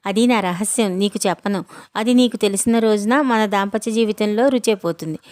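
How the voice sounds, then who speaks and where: A woman's voice: mid-range voice, moderate pace, a little mellow, no echo, clean studio sound, lightly acted. Woman reading as male lawyer, middle-aged, playful husband, teasing tone, audiobook.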